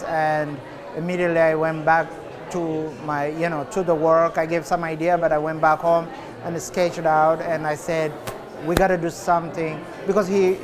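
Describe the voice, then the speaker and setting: Interviewed inside a cafe, a man in his forties from Ethiopia, an artist, responds at an easy, unhurried pace, often pausing with fillers. His pitch is a little high.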